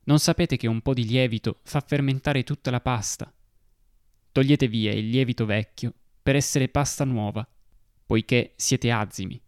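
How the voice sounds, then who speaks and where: A man giving a slow, solemn devotional reading. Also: mid-range voice, vocal fry, darkish tone, smooth, no echo, clean studio sound.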